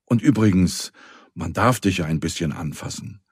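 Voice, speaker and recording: A man voicing a kind, lively little girl in a children's story, speaking earnestly and coaxingly. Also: deep voice, normal speed, breathy edge, dry recording, studio quality, heavily acted. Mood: gentle.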